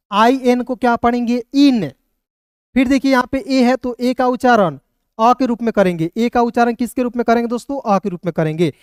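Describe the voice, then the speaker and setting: A man with a clear, smooth voice teaches English pronunciation step by step. He patiently repeats each question and answers it himself. The recording is close and dry, with no room sound. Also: very high voice, darkish tone, no echo. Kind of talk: online phonics lesson.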